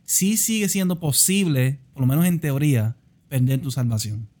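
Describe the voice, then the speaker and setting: Mellow-voiced man stating his belief. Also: medium pitch. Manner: measured, lays out his belief step by step. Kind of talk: conversational theological discussion.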